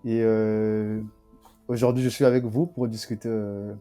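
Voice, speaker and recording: A young man from the Republic of the Congo, a student guest telling his story in a podcast interview, halting and often repeating himself. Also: on the low side, little pitch movement, warm tone, faint music behind.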